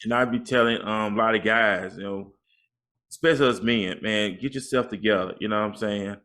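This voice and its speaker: A man's voice: lowish voice, a little fast, sharp tone. A man in a casual podcast conversation, talking preachily and giving life advice, repeating "man" often.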